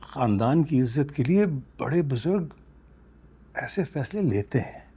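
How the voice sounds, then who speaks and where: A man's voice: medium pitch, very animated, unhurried, dark tone, husky, heavily acted. An actor with a Pakistani accent playing a grown son who pleads with his father in a soothing way. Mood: pleading. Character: placating grown son, defending family honour.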